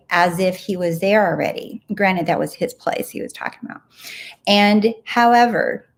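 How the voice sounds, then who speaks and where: A woman hosting a casual live-stream Q&A as a manifestation coach, talking in an upbeat, emphatic way with blunt asides. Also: mid-range voice. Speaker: manifestation coach and show host.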